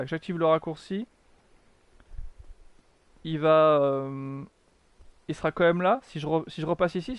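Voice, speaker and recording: A man's voice: fairly high pitch, no room sound. A man giving chatty live commentary while streaming a video game, mocking himself, swearing often and answering his chat.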